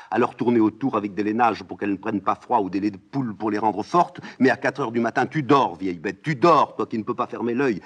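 A man reading a play aloud, voicing a fussy, scolding old nursemaid in a high raised voice. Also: husky. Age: older. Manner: shrill, scolding, exclamatory.

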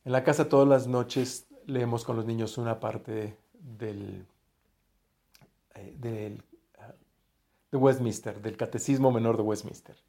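Male pastor, mellow tone, talky sermon delivery that trails off softly at phrase ends. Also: medium pitch, steady tone, unhurried, long pauses. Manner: conversational, restarts phrases, voice often drops to a quiet close.

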